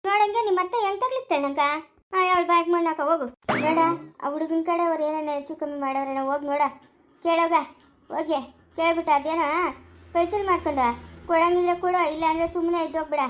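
A woman playing a squeaky quick scolding village wife. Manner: scolding, bickering. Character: quarrelsome sharp-tongued village woman. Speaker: family skit actor. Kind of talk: village family skit acting.

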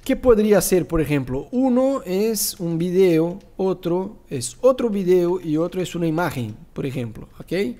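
High-voiced Rioplatense man teaching. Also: a little slow, hardly any pauses. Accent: Rioplatense Spanish. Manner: animated, teasing, rhetorical asides. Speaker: pastor teaching church advertising. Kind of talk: live online class with screen share.

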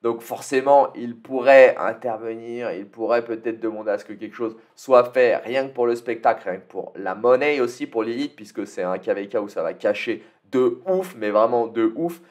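A man with a mid-range voice chats casually over a strategy game, thinking out loud and sprinkling in little fillers. He's from France and talks straight into a desktop mic. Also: medium pitch, moderate pace, hardly any pauses. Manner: chatty, thinks aloud with fillers and tag "hein". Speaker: gaming YouTuber.

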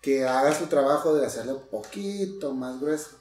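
Hombre mexicano tajante, algo lejos del micro. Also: male voice, mid-range voice, expressive, normal speed, a little mellow, roomy sound, far from the mic. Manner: blunt, opinionated, swears freely. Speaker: podcast co-host. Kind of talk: casual chat.

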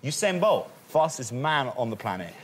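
A man's voice: medium pitch, very animated, normal speed. A man on a comedy panel, rambling through crude jokes and laughing as he talks. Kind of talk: crude comic riffing. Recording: loud studio audience and noise.

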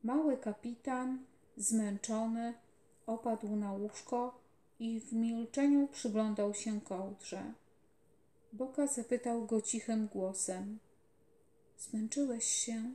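Woman storybook narrator, slightly high voice, slow and calm, echoey room. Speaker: mother reading aloud. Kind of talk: audiobook narration. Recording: roomy echoey home recording.

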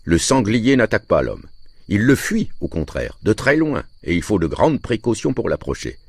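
Man playing a calm earnest father, reassuring, dry close sound, husky. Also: lowish voice, normal speed, no room sound, voice pushed up, full character voice. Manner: reasonable, reassuring. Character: earnest schoolteacher father, mildly wry.

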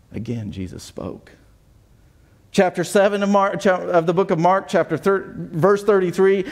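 Man, pastor, sermon, scripture reading, earnest, slightly high pitch. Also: a little mellow. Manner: earnest, with self-correcting asides.

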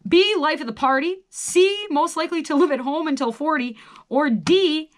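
An American woman in her twenties hosts a solo quiz video from a small radio studio, reading the quiz aloud and chatting casually. She adds wry, self-deprecating asides. Her voice is high and her pace normal.

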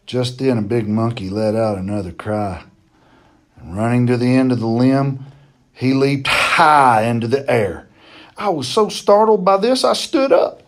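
A man reading a children's novel chapter aloud in a steady, plain storytelling manner. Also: mid-range voice.

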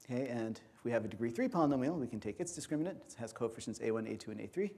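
A man lectures at a conference in an auditorium, his voice mellow and relaxed at a middle pitch. He explains each step in a measured, patient way. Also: husky.

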